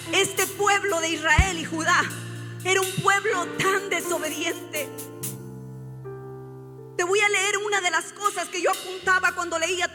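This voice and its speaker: A woman pastor delivering an impassioned sermon in a church, often rising to shouts. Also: extremely high pitch, in a large hall. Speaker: prophet and pastor. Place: church sanctuary.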